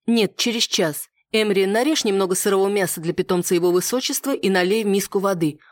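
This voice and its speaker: A woman's voice: medium pitch, a little fast, dry recording, studio quality, voice pushed up, lightly acted. A reader voicing a nervous young noblewoman in an audiobook, speaking politely and hesitantly. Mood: anxious politeness. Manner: hesitant, courteous.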